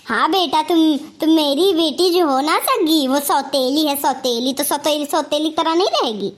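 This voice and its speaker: A woman's voice: high-pitched, normal speed, close to an everyday voice. A woman with an Awadhi-tinged Hindi accent voicing a doting, gullible mother in a cartoon comedy, fussy and nagging. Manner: fussy and nagging, keeps asking "theek hai?". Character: doting, gullible middle-aged mother with favoritism.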